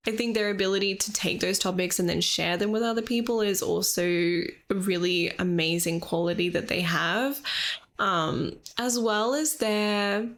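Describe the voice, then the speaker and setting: A woman's voice: mid-range voice, fairly bright tone. Giggly woman podcast co-host. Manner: affectionate, giggly, lots of "like". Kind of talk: casual astrology chat.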